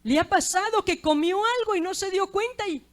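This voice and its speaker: A woman with a high voice preaches a sermon in an earnest, heartfelt way. She is middle-aged and often stops to praise God between her phrases. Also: fairly quick. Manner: earnest preaching with repeated "gloria sea al Señor".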